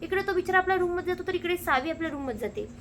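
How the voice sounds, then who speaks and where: A woman rapidly retelling a TV serial episode, slipping into the characters' lines as she goes. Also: extremely high pitch, animated, fairly bright tone, a little hiss or hum. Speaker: narrator recapping a TV serial. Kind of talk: fast storytelling recap with acted quotes.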